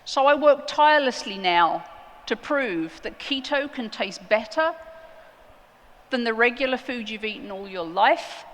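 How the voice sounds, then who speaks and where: A woman giving a prepared conference talk, earnest and emphatic, with deliberate pauses. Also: a little high, animated, fairly bright tone, a little hiss or hum. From outside the United States. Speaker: conference speaker. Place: large conference hall. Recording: long hall reverb.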